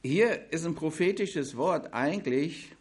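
A man's voice: a little high, a little slow, breathy edge. A man preaching a sermon, speaking emphatically and addressing the congregation directly with pointed questions.

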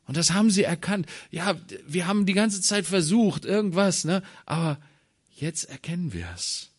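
A man preaching a sermon, animated, swinging from soft asides to loud emphatic lines and talking straight to his listeners. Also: high-pitched, normal speed, breathy edge. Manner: addresses listeners directly with "wisst ihr".

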